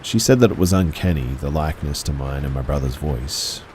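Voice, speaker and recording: Deep male horror narrator, measured and hushed delivery. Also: slight background noise, low-quality recording.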